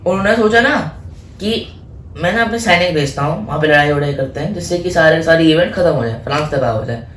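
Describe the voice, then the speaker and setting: A man teaches history in a casual exam-prep style, moving between Hindi and English. He asks himself questions and then answers them, and he stumbles on French names. His voice sits a little high and sounds roomy and echoey, with faint noise underneath. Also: brisk, a bit bright. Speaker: history tutor.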